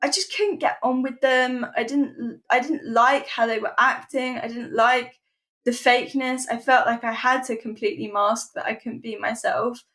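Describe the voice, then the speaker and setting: A young woman, a podcast guest, earnestly telling personal stories in a halting, emotional way. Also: a little high, steady tone, fairly bright tone. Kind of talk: personal storytelling.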